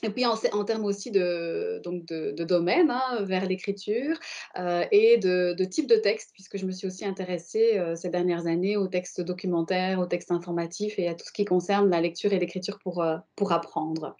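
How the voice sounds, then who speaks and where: A woman's voice: lowish voice, moderate pace, a little mellow. A woman in her forties from Belgium with a Belgian French accent, introducing herself as a professor on an online panel over a laptop mic, talking fluently with small fillers. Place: home room, indoors. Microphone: laptop webcam mic, video call.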